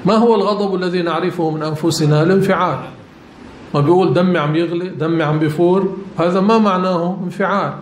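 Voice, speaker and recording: Lebanese sheikh lecturing in an echoey mosque. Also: male voice, high voice, fairly even intonation, fast. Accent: Lebanese Arabic. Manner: earnest, asks rhetorical questions and answers them. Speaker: sheikh teaching a religious lesson. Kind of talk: mosque lesson mixing classical and colloquial speech. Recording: echoey mosque hall, faint noise.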